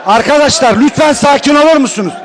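A man chairing a council session, repeatedly asking the room to calm down and let him speak. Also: extremely high pitch, fast talker. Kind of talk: calling a meeting to order. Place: large council chamber indoors. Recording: council hall with crowd murmur.

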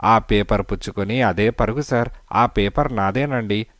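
A man voicing an angry male passerby complaining loudly to the police. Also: fairly low pitch, moderate pace, dry recording, close to an everyday voice. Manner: loud and complaining.

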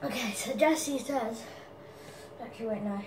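A woman's voice: a little high, a little slow, recorded from a distance, noisy background. A woman answering fan questions in a casual vlog, giggly and apologetic, with lots of ums. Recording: echoey room, from off mic.

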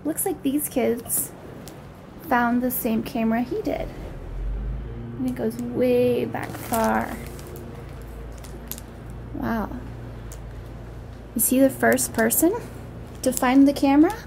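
A young adult woman reads a picture book aloud in a small room at home, describing the pictures and asking simple, wondering questions as if to small children. Her voice is on the high side, steady and gravelly, and she takes it slowly with frequent pauses. The home recording carries noticeable background noise.

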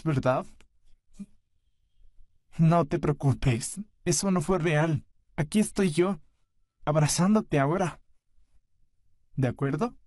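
A performer voicing a gentle, soft-spoken male puppet in a fan dub, talking in a slow, soothing way. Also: mid-range voice, dry recording, clean studio sound, natural voice.

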